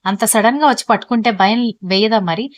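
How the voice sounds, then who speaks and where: A woman voicing a gentle young wife. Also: on the high side, fast, no echo, clean studio sound, lightly acted. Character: gentle young wife, polite daughter-in-law.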